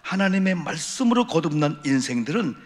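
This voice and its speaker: In a church sanctuary with echoey hall reverb, a middle-aged senior pastor delivers an evening sermon. His voice is a little high and fairly quick, swinging widely in pitch as he leans on emphatic repeated refrains and rhetorical questions.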